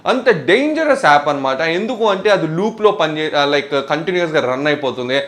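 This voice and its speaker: Fast-talking young tech vlogger man. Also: fairly high pitch. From India. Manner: chatty and animated, mixing English words into Telugu. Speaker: tech YouTuber. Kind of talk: casual tech vlog.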